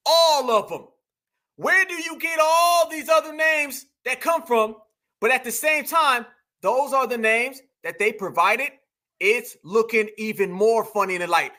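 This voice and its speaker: A man's voice: very high voice, pushed and bright. A man delivering emphatic political commentary, preaching to his viewers and calling them family. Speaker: commentary vlogger.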